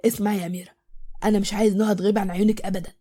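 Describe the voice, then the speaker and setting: A woman's voice: mid-range voice, level tone, rapid-fire, warm tone, natural voice. A woman voicing a suspicious paralysed young husband. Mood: earnest. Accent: Egyptian Arabic. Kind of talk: storybook voice acting.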